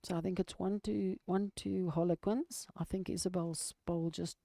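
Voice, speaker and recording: A woman commentates live on lawn bowls in the measured style of golf coverage. Her voice is mellow and a little low. She follows each shot in short, observant phrases. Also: fairly even intonation, vocal fry, dry recording, clean studio sound.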